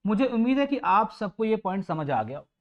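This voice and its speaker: Warm-mannered male coaching teacher. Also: high-pitched, sing-song, brisk, highs cut off. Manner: affectionate, calls students "beta", repeats points, quizzes the class. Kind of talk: classroom lecture. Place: coaching classroom.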